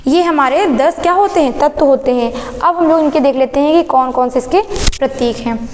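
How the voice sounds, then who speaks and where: Woman teacher with a high voice going over a science lesson, lots of reverb. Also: fairly quick, darkish tone, slight background noise. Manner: explains step by step, asking and answering her own questions. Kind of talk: classroom lesson. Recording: echoey room reverb.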